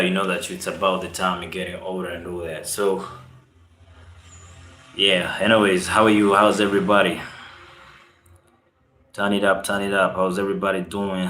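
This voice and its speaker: A man with a Ugandan accent hosts a relaxed live stream, chatting to viewers and reading their comments aloud. His voice sits fairly low and sounds roomy, with echo from the space around him. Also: unhurried, long pauses. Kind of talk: casual live-stream chat.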